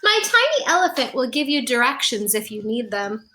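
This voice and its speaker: Addressing young children directly, a woman reads a picture book aloud with expressive storytelling. She speaks at a moderate pace with a fairly high pitch.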